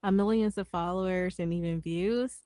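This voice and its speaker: A woman's voice: fairly low pitch, steady tone, moderate pace, warm tone, clean tone. A woman with a Memphis Southern accent who says her R's like W's, explaining things in slangy casual chat. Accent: Memphis Southern American. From Memphis, United States. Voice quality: struggles to pronounce R's, says w for r.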